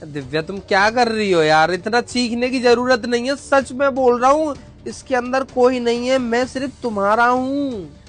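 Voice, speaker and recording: A man acting as a husband in a family skit, trying to calm and placate his wife. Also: very high-pitched, moderate pace, soft background music. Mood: placating. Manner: placating, dismissive. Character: husband pulling a prank, soothing his angry wife.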